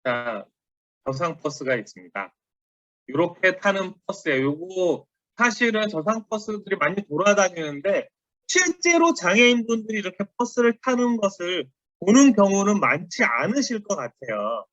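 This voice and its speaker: A middle-aged man lectures in a conversational way, quoting others as he goes. His voice rises and falls a lot, sitting a little high. The recording is dry and somewhat dull. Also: normal speed, no room sound. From South Korea. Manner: conversational, quotes others, lively emphasis.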